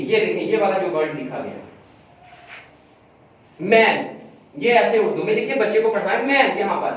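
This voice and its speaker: A woman teaching phonics at an unhurried pace, repeating each word and stretching its sounds. She stands well away from the mic in a very echoey classroom. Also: a little high. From Pakistan. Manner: repeats words slowly, drawing out sounds. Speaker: school teacher. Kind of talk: phonics lesson lecture. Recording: very echoey room, voice from far off.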